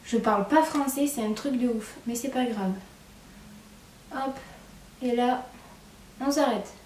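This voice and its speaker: Here the hair tutorial presenter, a young woman with a regional French accent and a pronounced "hein", talks at a measured pace in a fairly high voice. She's relaxed and chatty, peppering her casual demonstration with "hop" and "voilà". The mic is distant, the room echoes, and there's faint background noise.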